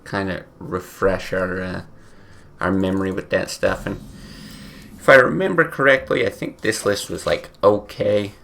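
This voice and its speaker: A man's voice: deep voice, a little slow, vocal fry, fairly bright tone. A sleepy man with his morning voice, casually thinking aloud while playing a card game, with many fillers. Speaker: game streamer. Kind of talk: casual gameplay commentary.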